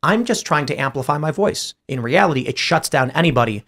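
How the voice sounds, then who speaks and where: A man with a gravelly, slightly high voice hosts a political talk show. He tells stories with energy and imitates other people by jumping up in pitch. His delivery is argumentative and conversational. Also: brisk. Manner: animated storytelling, mimics others in raised voices. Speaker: podcast host.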